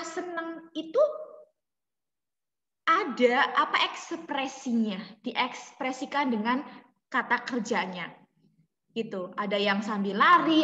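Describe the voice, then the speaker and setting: A woman teaching a Mandarin class online, explaining slowly and closing phrases with little tag words. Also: high-pitched, bright, forceful tone. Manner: explains slowly, mixing languages, ends phrases with "ya" and "gitu". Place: home room on a video call. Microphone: laptop mic on a video call. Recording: roomy lo-fi video call audio.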